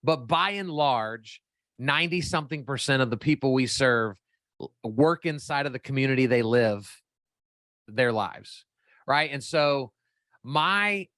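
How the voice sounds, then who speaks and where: A man guests on a casual podcast debate, joking at his own expense and tossing in blunt slang. His tone is bright and forceful. The recording is dry and close. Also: mid-range voice, lively intonation, a little slow, no echo.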